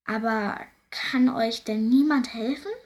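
A woman's voice: fairly high pitch, slow, darkish tone. A woman voicing a curious, timid young princess in a fairy tale, asking hesitant questions.

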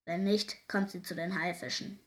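A woman reading a storybook aloud, voicing a gruff, bossy male pirate captain who growls his orders. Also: on the low side, steady tone, normal speed, pitched below the performer's own voice, natural voice.

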